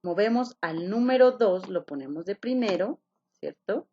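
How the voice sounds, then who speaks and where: A woman's voice: medium pitch, animated, unhurried, a little hiss or hum. A woman teaches an English class over a video call and explains each step patiently. She repeats the key points and keeps asking her students questions. The call audio sounds a little muffled.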